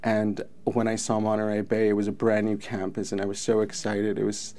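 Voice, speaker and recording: The man heard here, a Mexican film commission president in his thirties and native Spanish speaker, reflects earnestly on interview questions. He talks fairly quickly in a mellow, lowish, monotone voice.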